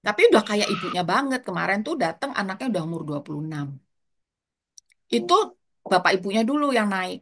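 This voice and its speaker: An older woman with a Jakarta colloquial accent, telling lively stories as she gives parenting advice. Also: medium pitch, fast talker. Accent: Jakarta colloquial Indonesian. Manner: lively storytelling with quoted asides. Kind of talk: casual advice chat.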